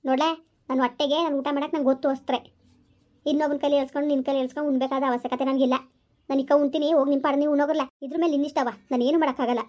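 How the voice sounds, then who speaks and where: A fast, high-pitched voice of a sharp, dismissive village mother-in-law, played by a woman in a homemade family drama. She scolds in quick bursts and cuts others off. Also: level tone, muffled recording, close to an everyday voice. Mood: bitter. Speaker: village skit actor.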